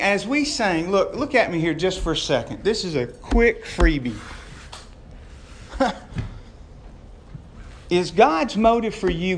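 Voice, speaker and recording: A man's voice: high voice, a little hiss or hum. A man preaches. His sermon is informal and conversational, full of folksy turns of phrase. He often turns to the congregation with direct questions. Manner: folksy, addresses listeners as gang, boys and y'all; poses questions to the listeners.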